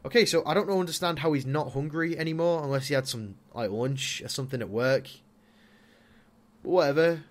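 A man's voice: on the high side, a little fast. Chatty young man playing a game. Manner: chatty, talks to his Sim, bursts into loud exclamations. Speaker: gaming YouTuber. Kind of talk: casual Let's Play commentary.

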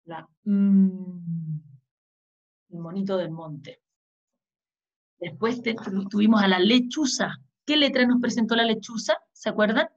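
A woman's voice: fairly high pitch, moderate pace, highs cut off. A woman teaching an early-reading lesson to young children, patiently sounding out letters and words and asking them to read along.

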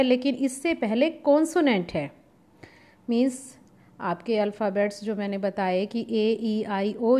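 A woman, patiently explaining a grammar lesson step by step and reading example sentences slowly. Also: on the high side, dark tone. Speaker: English teacher.

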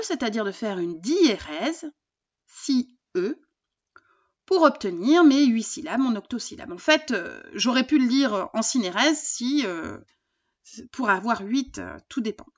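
A woman teacher giving a recorded poetry lesson. She explains patiently and often pauses with fillers. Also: on the high side, lo-fi sound.

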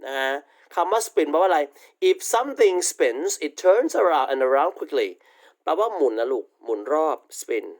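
A man who teaches English at a university records an online vocabulary lecture, speaking slowly in a slightly high, very animated voice. He affectionately addresses his students as "child" and repeats polite tag particles again and again.

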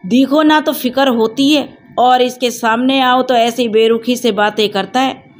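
A woman's voice: on the high side, fairly even intonation, measured pace, close to an everyday voice. A woman voicing a spirited young village woman, talking earnestly and confidingly.

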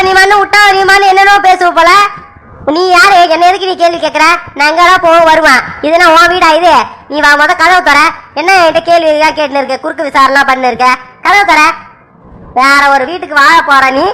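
A woman's voice: very high-pitched, pushed and bright. A woman voicing a brash, idle young village man who argues and whines as he demands to be let into the house. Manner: whiny, demanding, argumentative. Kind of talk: cartoon voice acting.

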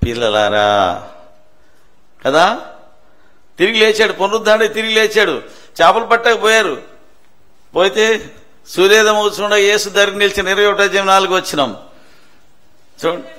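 A man preaching a sermon in a church prayer hall, speaking. His voice sits high and sounds bright and forceful. He asks rhetorical questions, answers them himself, and hammers key phrases home by repeating them. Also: steady tone, a little fast, long pauses.

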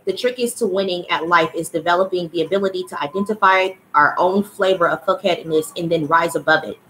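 A woman's voice: on the low side, a bit bright, slight background noise, low-quality recording. A woman giving a casual, blunt livestream oracle card reading who swears freely and calls her listeners child and y'all. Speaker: spiritual card reader.

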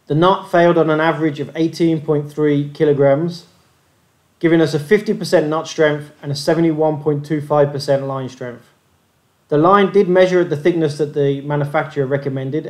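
A man's voice: fairly high pitch, darkish tone. A man hosting a fishing channel, narrating a methodical review of gear tests over slides in a plain-spoken way.

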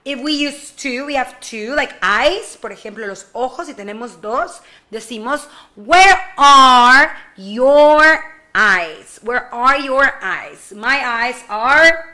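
A young female kindergarten ESL teacher speaks slowly in a bright, animated voice whose pitch sits high. In an online class for young children that mixes English and Spanish, she stretches out model phrases and adds playful asides, filmed in a room at home before a slide screen.

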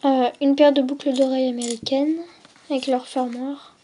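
A woman's voice: high voice, level tone, moderate pace, dark tone, a little hiss or hum. A young woman casually showing off a box of craft supplies item by item, hesitant and often trailing into a near whisper. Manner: lists items one by one, often drops to a near whisper; hesitant, with frequent fillers and self-corrections. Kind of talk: casual unboxing vlog.

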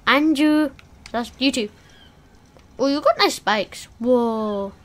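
A woman's voice: sits high, slow. A woman giving casual gameplay commentary, chatting to the creatures in her game. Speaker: gamer.

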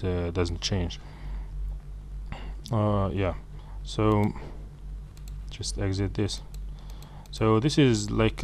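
His voice is lowish and somewhat dark, with a faint hiss or hum in the recording. A native Arabic speaker, he explains code in a screen-recorded programming tutorial, speaking haltingly and correcting himself, with plenty of fillers and restarts.

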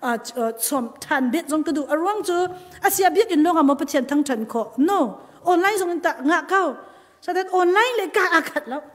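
A woman's voice: very high-pitched, quick pace, big-room sound. A woman preacher giving a live church sermon with an emphatic delivery that rises and falls. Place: church hall.

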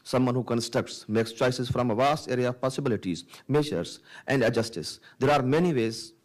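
A man's voice: medium pitch, normal speed. Middle-aged man reading an essay. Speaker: panel speaker, writer. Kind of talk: reading a prepared essay aloud. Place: library meeting room with seated audience. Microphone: table microphone.

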